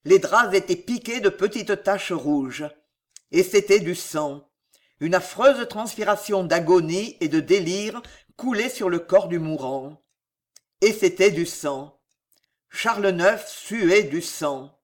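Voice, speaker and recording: A man narrating a historical novel in a solemn, measured reading. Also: high-pitched.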